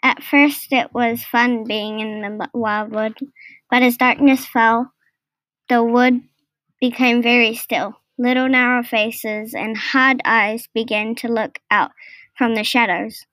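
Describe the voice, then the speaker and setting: A woman reading a children's storybook aloud, slow and careful. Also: on the high side, level tone, a bit bright, no echo. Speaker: narrator.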